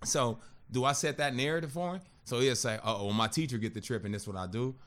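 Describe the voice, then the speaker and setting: A man in his thirties, a podcast guest telling a personal story in a casual, animated and profane way, acting out what other people said. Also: mid-range voice, fast talker, a little hiss or hum.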